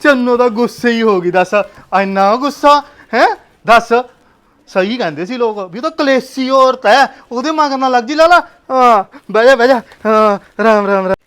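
A woman's voice: a little high, expressive, normal speed, fairly bright tone. A woman playing a lecherous male village shopkeeper, coaxing and repeating himself. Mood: wheedling. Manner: coaxing, keeps repeating "come, sit". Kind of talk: comedy skit acting.

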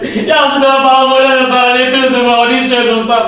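A man's voice: extremely high pitch, flat delivery, rapid-fire, sharp tone. A man with a Bangladeshi Bengali accent playing a desperate young servant who begs his employer in tears. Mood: pleading. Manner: pleading, repeats 'sir' over and over. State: crying. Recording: echoey room, mic far off.

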